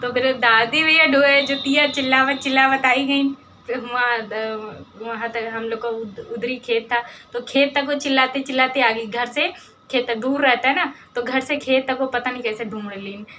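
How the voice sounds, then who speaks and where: Chatty woman with a bright voice. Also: on the high side, steady tone, normal speed, a little hiss or hum. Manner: rambling, chatty, many fillers and restarts. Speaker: vlogger. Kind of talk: casual storytelling about her village childhood.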